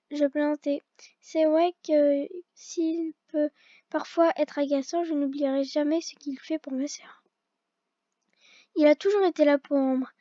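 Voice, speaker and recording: A woman's voice: high-pitched, warm tone, no echo. A young woman reading dialogue from a visual novel aloud, often stumbling and restarting lines. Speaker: fan reader voicing a visual novel. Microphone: old gaming headset. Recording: dull lo-fi gaming headset mic.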